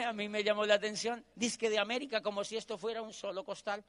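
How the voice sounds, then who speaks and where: Colombian man, middle-aged, high, bright voice, animated motivational storyteller who repeats lines for emphasis. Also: fast, a little hiss or hum. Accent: Colombian Spanish. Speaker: motivational speaker.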